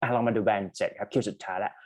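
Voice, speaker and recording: A man with a Thai accent, teaching an IELTS speaking class and mixing Thai with English. He explains step by step, pauses often on "um" and checks in with "okay?" and "right?". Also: fairly low pitch, steady tone, a little mellow, slightly rough. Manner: frequent "um" and "uh" pauses while searching for words.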